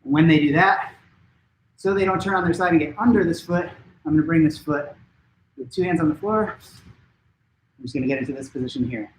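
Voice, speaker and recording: A man teaching a martial arts class at home, giving brisk step-by-step coaching cues to follow along. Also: a little high, reverberant, slight background noise, low-quality recording. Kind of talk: live-streamed class instruction. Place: home training room.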